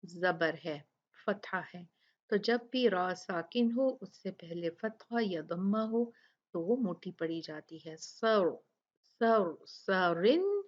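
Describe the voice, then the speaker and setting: A woman gives a recitation lesson and talks at an unhurried, careful pace. She repeats each example word and explains the rules patiently. The recording sounds dull and lo-fi. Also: fairly low pitch. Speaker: Quran recitation teacher.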